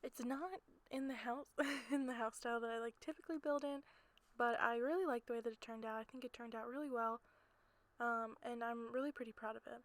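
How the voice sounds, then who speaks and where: A woman's voice: on the high side, fairly even intonation, brisk, dry recording. A woman giving a casual, rambling, giggly voiceover for a gameplay video, recorded in a small closet at home. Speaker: amateur video creator narrating gameplay. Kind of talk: casual chatty voiceover commentary. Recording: noticeable background noise.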